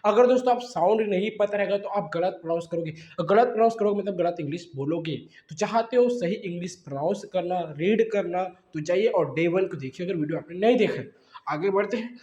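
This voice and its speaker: A man's voice: sits high, warm tone. Coughing man drilling English phonics. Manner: slow syllable-by-syllable blending, addresses viewers as friends. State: coughing repeatedly. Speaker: English reading teacher. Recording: roomy, dull lo-fi sound.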